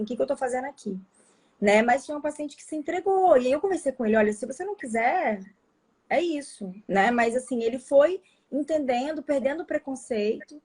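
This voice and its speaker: A woman's voice: a little high, warm tone, husky. A woman psychologist with a Brazilian Portuguese accent, talking in a casual conversation, hesitant, with frequent restarts.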